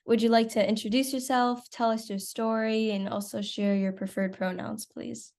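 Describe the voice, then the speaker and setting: A woman's voice: a little high, level tone, normal speed, darkish tone. A sixteen-year-old girl hosting a podcast, reading an earnest intro and asking her guest questions. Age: teens. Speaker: host. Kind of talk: scripted intro and interview questions.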